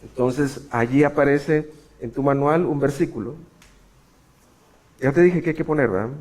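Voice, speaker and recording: A middle-aged man, preaching a sermon as pastor. He swings from quiet asides to loud, raised cries for emphasis. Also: mid-range voice, normal speed.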